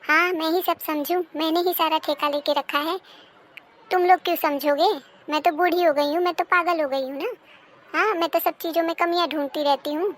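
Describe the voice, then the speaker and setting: A woman's voice: extremely high pitch, fairly even intonation, fairly quick, fairly bright tone. A woman voicing a nagging, self-pitying older mother-in-law in a cartoon. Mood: bitter. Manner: complaining, bitter, self-pitying. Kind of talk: cartoon dubbing.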